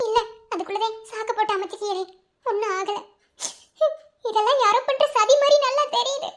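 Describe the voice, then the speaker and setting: A woman's voice: very high voice, steady tone, fast talker. An actress playing a frightened young woman who tearfully thanks the friend who saved her. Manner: tearful, grateful. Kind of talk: TV serial acting.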